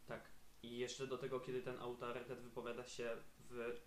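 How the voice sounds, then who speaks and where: A man's voice: mid-range voice, completely flat delivery, slight background noise. Sarcastic teenage boy in an echoey room. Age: teens. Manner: dry, sarcastic, quick jokes. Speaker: podcast co-host, student. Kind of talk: casual chat.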